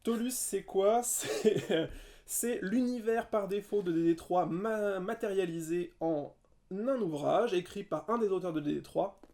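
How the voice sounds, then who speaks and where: Gravelly-voiced guy gushing about tabletop games on a podcast, playful and quick with jokes. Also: high voice, a little mellow. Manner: enthusiastic, playful, quick asides. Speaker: podcast co-host.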